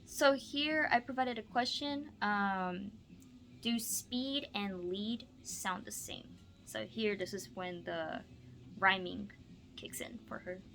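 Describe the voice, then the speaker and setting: Speaking slowly in a mid-range voice, a woman teaches through a picture-book read-aloud. She shifts between expressive storybook reading and casual explanatory asides.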